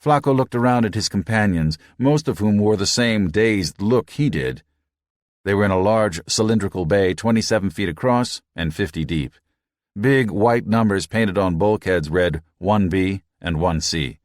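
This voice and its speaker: A man reading an audiobook in a measured, even narration. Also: lowish voice, no echo, studio quality. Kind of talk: scripted narration.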